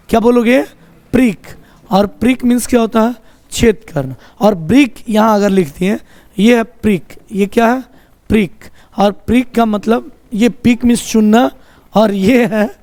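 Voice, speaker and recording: A male teacher with a high voice runs a classroom vocabulary drill. He speaks slowly, repeating each word and quizzing his students. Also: darkish tone. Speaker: English teacher.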